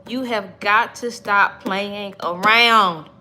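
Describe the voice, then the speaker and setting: Slow-paced and fairly even in intonation, the woman's medium-pitched voice is bright and forceful. In her thirties, she hosts a livestream with a preachy, faith-based motivational talk, stressing and repeating points and chatting with viewers.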